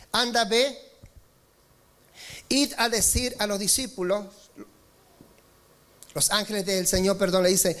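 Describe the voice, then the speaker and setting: A male pastor preaching a sermon, swinging between raised, emphatic lines and slow, low stresses, calling on the congregation to respond. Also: fairly bright tone. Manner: preaching with rises in pitch and slowed emphatic lines, asking the congregation for amen.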